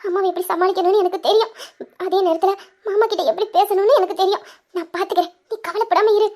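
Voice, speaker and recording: A woman's voice: extremely high pitch, fairly even intonation, fast, darkish tone. A woman voicing a cheerful young woman who laughs as she soothes her worried elder sister. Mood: comforting. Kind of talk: Tamil audio story acting.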